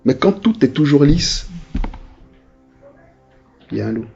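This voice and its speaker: A male pastor gives a chatty, animated sermon, full of hesitations and restarts. His slightly high, husky voice rises and falls widely as he acts out characters from his examples. The recording is dull and lo-fi, with faint music underneath. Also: unhurried. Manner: conversational, with many hesitations and restarts; animated, acting out voices of people in his stories.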